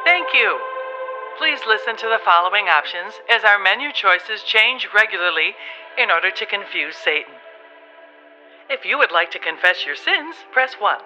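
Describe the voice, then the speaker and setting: A sing-song recorded phone menu voice for a church helpline, cheerful and bouncy. Her pitch swings all over, and the sound is dull and lo-fi. Music plays underneath. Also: animated, normal speed, sharp tone. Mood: bright. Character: automated church phone menu voice, female, chirpy. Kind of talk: radio play. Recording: lo-fi with music behind.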